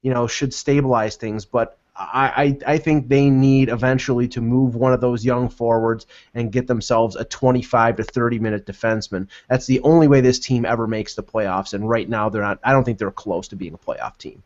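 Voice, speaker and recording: A man's voice: mid-range voice, fairly even intonation, moderate pace, hardly any pauses, a little mellow. A man giving casual, opinionated sports commentary as a podcast panelist on a remote online call. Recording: dull lo-fi online call audio.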